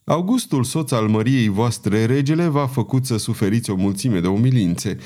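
A man voicing a calm monk in an audiobook, speaking in a measured, cool manner. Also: medium pitch, close to an everyday voice. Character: calm young monk hearing a confession. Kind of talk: audiobook character reading.

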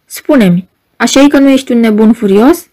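A woman reading an audiobook, voicing a nervous, gentle male hospital patient who hates noise and pleads fussily. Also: very high-pitched. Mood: anxious. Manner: pleading, fussy, easily alarmed. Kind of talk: audiobook character voice.

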